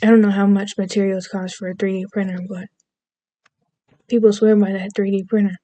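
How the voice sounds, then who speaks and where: Casting: American woman with a faint Southern lilt, a chatty vlog rambler with a mellow, fairly even delivery. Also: mid-range voice, a little fast, lo-fi sound. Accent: American with a slight Southern lilt. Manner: meandering, self-interrupting, goofy. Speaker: vlogger. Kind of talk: casual rambling monologue.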